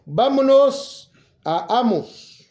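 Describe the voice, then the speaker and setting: A man with a Mexican Spanish accent gives informal Bible teaching to a congregation, chatty and joking and asking his listeners questions. His voice is very high-pitched, expressive, and darkish in tone, and he speaks extremely slowly. The room is echoey and the sound slightly dull.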